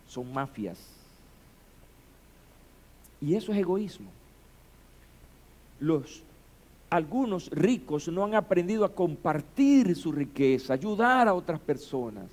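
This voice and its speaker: A man preaching a sermon as pastor, building to shouted emphasis and rhetorical questions. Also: fairly high pitch, big pitch swings, takes it slowly, long pauses.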